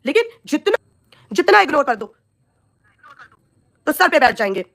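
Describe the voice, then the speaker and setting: A woman's voice: high-pitched, sing-song, normal speed, vocal fry, fairly bright tone. A woman with a scratchy, coughing throat ranting on a live stream, scolding and insulting a rival in a heated voice. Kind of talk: angry live-stream rant at viewers.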